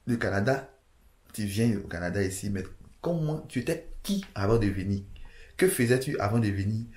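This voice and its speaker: A man's voice: fairly low pitch, lively intonation, normal speed, darkish tone, reverberant. A man from Côte d'Ivoire giving casual immigration advice to camera, hesitant, with many restarts and fillers.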